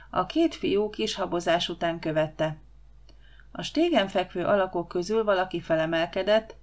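A middle-aged woman reading a children's novel aloud as an audiobook narrator, giving the dialogue lively character voices. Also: fairly low pitch.

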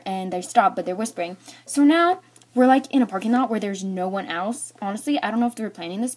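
Teen girl, casual storytime, rambling, filler-heavy, animated, middle pitch. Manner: animated, acting out with toys. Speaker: storyteller vlogger.

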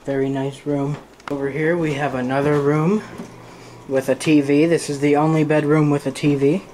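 A man's voice: on the high side, a little hiss or hum. Young man giving a casual house tour. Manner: relaxed, plain-spoken, a little halting. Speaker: family member filming a house tour. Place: rented farmhouse, indoors and out. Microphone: handheld camera.

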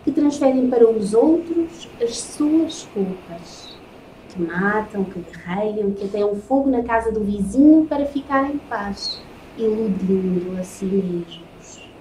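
A woman with a European Portuguese accent giving a spiritist lecture, reading from slides in slow, measured phrases with solemn pauses. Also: medium pitch, expressive, warm tone. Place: lecture room in front of a projected slide. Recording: echoey room, faint noise.

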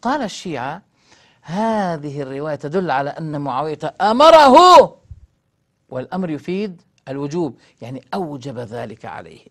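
Higher-voiced Levantine man lecturing. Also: lively intonation, darkish tone. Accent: Levantine Arabic. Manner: rhetorical questions, slows to read quoted passages. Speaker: religious scholar presenting a program. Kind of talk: religious lecture, reading texts aloud.

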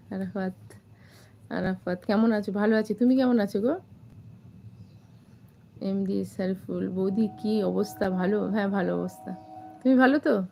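Slow-talking woman chatting live. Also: mid-range voice, creaky, dark tone, a little hiss or hum. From Kolkata, India. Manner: unhurried, chatty, greets viewers by name. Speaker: live streamer. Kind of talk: casual live chat reading viewer comments.

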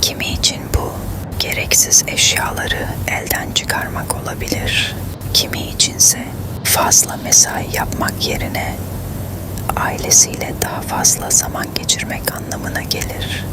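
A narrator reading a script in a hushed, breathy ASMR whisper, quiet as if late at night. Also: measured pace.

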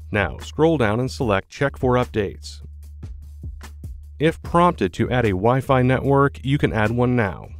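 A man reading scripted tutorial narration as a product support narrator, in a measured, clearly enunciated instructional manner. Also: mid-range voice. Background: background music.

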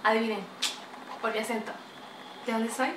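A young Venezuelan woman vlogger with a Venezuelan accent chats to camera in a lively, animated, talkative way, gesturing a lot, in a small bright room. Her voice is a little high at a moderate pace, and she's far from and a bit off the mic, with roomy echo and slight background noise.

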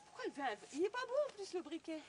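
A woman's voice: very high-pitched, quick pace, slight background noise. A woman telling a fairy tale aloud to a live audience, talking straight to her listeners. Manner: animated, addresses listeners directly. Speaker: storyteller. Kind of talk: live oral storytelling. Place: outdoors on a storytelling walk.

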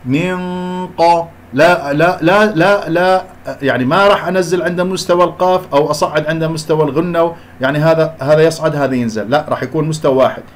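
A man teaching Quran recitation rules, switching between quick explanations and slow, drawn-out recited examples broken into syllables. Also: a little high. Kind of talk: tajweed lesson, explaining and demonstrating recitation.

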